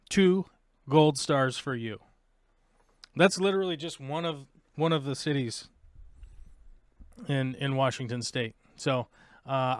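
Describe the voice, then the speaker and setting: An American man hosts a live stream, rambling casually with plenty of fillers and jokes. His mid-range voice is clear and resonant, recorded at studio quality with no room sound.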